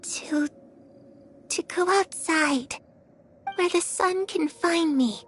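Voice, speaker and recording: A woman voicing an eerie, secretive little girl who speaks in a hushed, ominous whisper. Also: very high-pitched, slow, slight background noise. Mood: timid. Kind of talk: video game voice acting.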